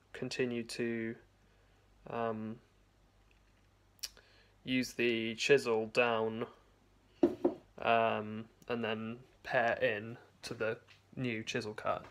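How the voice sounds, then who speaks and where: In his basement at home, a young adult vlogger chats to a phone camera held near his face for a casual video diary. His mid-range voice is slow, level in tone and slightly bright, and he rambles, restarting often and using plenty of fillers.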